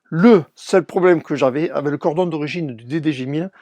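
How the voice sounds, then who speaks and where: A man with a Toulouse accent, his voice nasal and stuffy from a cold. He chats casually as he shows his DJ equipment, pausing often. His voice sits a little high and sounds dry and close to the mic. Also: darkish tone, dry recording. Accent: Toulouse, southern French. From Toulouse, France. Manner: chatty, demonstrative, frequent hesitations. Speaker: DJ and YouTuber. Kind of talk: casual tutorial vlog.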